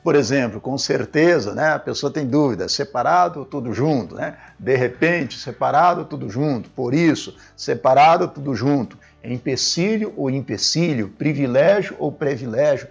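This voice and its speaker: A man's voice: mid-range voice, normal speed, creaky, few pauses, husky, highs cut off, soft background music. A man teaching a spelling lesson at a board, explaining each point methodically and repeating it, often tagging sentences with "né?". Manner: didactic, repeats key points with frequent "né?". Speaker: Portuguese language teacher. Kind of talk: classroom grammar lesson at a board.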